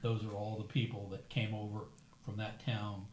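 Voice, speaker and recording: A man's voice: lowish voice, moderate pace. Older man telling stories in an echoey room. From United States. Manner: storytelling, relaxed and chatty. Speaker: host. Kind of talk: casual dinner conversation. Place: room at a dinner gathering. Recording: echoey room with faint background noise.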